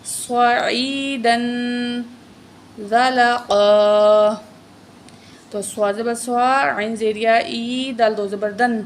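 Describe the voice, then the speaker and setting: A woman leads a tajweed lesson, reciting each word slowly and stretched out, then explaining letters and marks at a brisk clip. Her voice sits a little high with a gravelly fry. A faint hiss runs under the recording. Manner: slow drawn-out recitation alternating with quick spelling explanations. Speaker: Quran recitation teacher.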